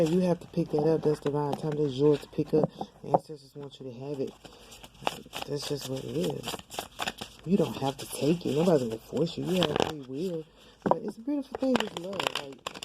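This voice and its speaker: A tarot reader with a mid-range voice speaks straight into a camera mic, giving a casual reading. She rambles in a loose, colloquial way full of fillers and acts out quoted voices. The recording is very noisy.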